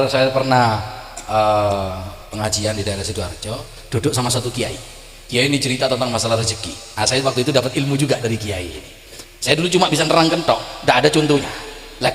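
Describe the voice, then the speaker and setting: A man preaching a sermon, telling stories with blunt jokes and acting out the people in them. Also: mid-range voice. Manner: animated storytelling, acts out quoted characters, blunt jokes. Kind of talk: sermon at a religious gathering. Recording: echoey hall with long reverb.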